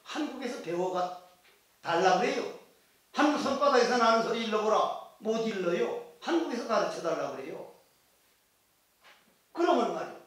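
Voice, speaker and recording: An older man lecturing monks on Zen, his voice sitting fairly high for a man. He talks bluntly and earthily, mixing teaching with jokes and little acted exchanges. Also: very animated, moderate pace, long pauses, a bit bright, heavy reverb. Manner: earthy, joking storytelling with dialect voices. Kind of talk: dharma lecture. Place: temple lecture hall.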